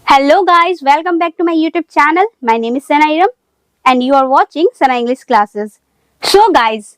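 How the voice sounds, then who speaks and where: A woman's voice: high-pitched, dry recording. A young woman who teaches English in a video lesson and explains each word carefully.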